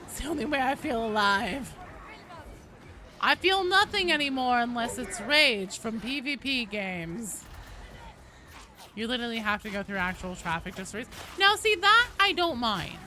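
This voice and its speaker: Fairly high in pitch, pushed and bright, this woman sounds very animated yet talks at a normal speed over slight background noise. She's streaming a game and chatting casually with her viewers, bluntly and with plenty of swearing and dramatic emphasis, game sounds playing behind her.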